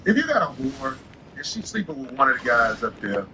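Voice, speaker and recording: A man's voice: mid-range voice, big pitch swings, brisk, sharp tone, slight background noise, poor audio. A man ranting casually, blunt and opinionated, arguing his point.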